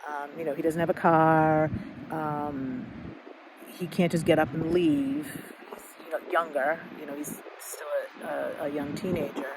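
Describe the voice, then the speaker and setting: A middle-aged woman speaking candidly in a halting, reflective personal monologue, with many fillers and restarts. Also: deep voice, flat delivery, heavy background noise. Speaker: podcast host.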